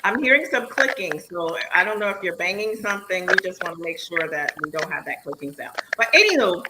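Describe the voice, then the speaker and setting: A woman's voice: fairly low pitch, animated, a little fast, heavy background noise. A woman hosting an online interview show, upbeat and encouraging with her guests. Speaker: host.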